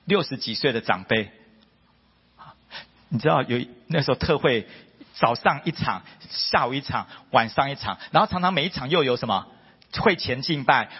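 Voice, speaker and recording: A middle-aged man preaching a sermon as pastor, telling stories with lively repetition of phrases. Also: mid-range voice, slightly rough, in a large hall, lo-fi sound. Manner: animated storytelling with repeated phrases. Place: church hall.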